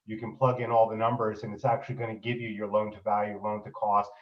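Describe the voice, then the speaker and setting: A man's voice: lowish voice, flat delivery, fast talker, recorded from a distance, lo-fi sound. A man who helps run a mentorship program, chiming in casually with many hesitant fillers. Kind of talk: casual remark in a group call.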